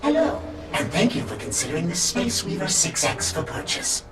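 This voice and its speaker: A malfunctioning robot navigation computer, voiced by an actor, boots up into a perky demo spiel, its voice swinging widely in pitch as it stumbles and repeats itself. It sounds set back from the mic in a roomy, echoing space. Game music plays underneath. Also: sing-song, normal speed, distant mic. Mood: glitchy, cheerful. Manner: chirpy sales-pitch demo patter that glitches and repeats. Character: broken talking ship navigation computer booting up. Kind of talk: video game voice acting.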